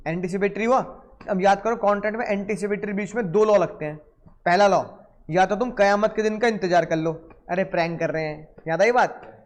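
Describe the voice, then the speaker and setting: A man teaching commercial law in a lively, playful lecture, acting out buyers and sellers in quick asides. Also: high voice.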